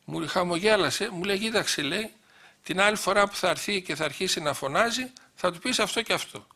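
In a storytelling talk, a middle-aged guest speaker shares memories from his life, quoting what people said and often adding "he says." His voice is high-pitched, pushed, and bright.

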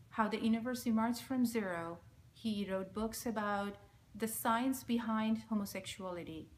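Speaking in a fairly high pitch, a Bangladeshi woman in her forties whose first language is Bengali reads out a prepared message, steady, solemn and measured. She is close to a front-facing camera in a small room against a plain wall, and the audio is poor.

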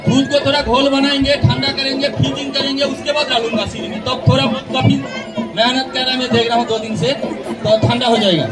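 Male stage magician, kids-party showman style, very high pitch, addressing volunteers over music and a noisy crowd. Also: little pitch movement, fairly quick. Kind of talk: live magic show patter. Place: tented outdoor stage. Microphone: handheld mic through PA, filmed from audience. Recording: echoey PA, loud crowd and music.

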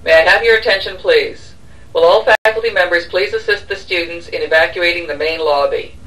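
A man from a school office giving a formal, scripted paging announcement over the school intercom, repeating each request in a measured way. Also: high voice, sharp tone, far from the mic, poor audio. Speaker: school office staff in a training demo.

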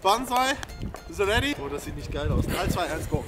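A young man chatting casually and excitedly in an outdoor food challenge, egging on his friend. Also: sits high, fairly quick, loud music behind the voice. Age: young adult. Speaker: challenge host. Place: snowy garden, outdoors. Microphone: camera a few metres away.

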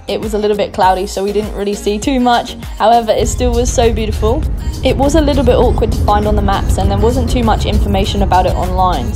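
Australian woman narrating a travel vlog. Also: mid-range voice. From Darwin, Australia. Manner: chatty, upbeat, giving tips. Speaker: travel vlogger. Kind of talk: scripted travel voice-over. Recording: voice-over with loud background music.

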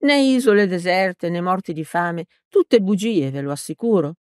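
A woman reading an audiobook, voicing a gentle country priest who speaks softly and soothingly. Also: on the low side, expressive, normal speed, no echo, clean studio sound, lightly acted. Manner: soft, soothing. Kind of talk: audiobook character voice.

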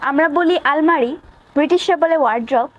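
A woman giving a scripted vocabulary lesson, reading word pairs in a clear, even, list-like way. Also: high voice, fast talker, dull audio. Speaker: English teacher. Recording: noisy background hiss.

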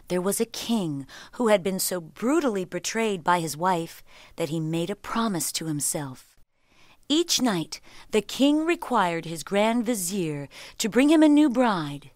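A woman reading a children's fairy tale aloud, her voice at an ordinary middle pitch but full of animated rise and fall. The recording is close and dry, with no room echo. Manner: expressive storybook telling. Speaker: storyteller. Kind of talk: scripted children's story narration.

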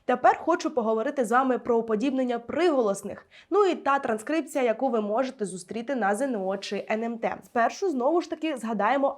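A young woman teaching an online language lesson, explaining rules with spoken examples in a lively way. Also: a little high. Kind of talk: online exam-prep lesson.

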